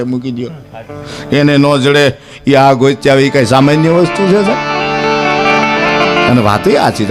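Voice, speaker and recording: A male folk storyteller performs on a live stage and keeps switching into the voices of the people in his tales. He speaks at a middle pitch. Plucked strings play clearly behind him. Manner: animated, acts out characters, addresses listeners as "sir". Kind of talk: Gujarati dayro storytelling to a live audience. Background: plucked string music.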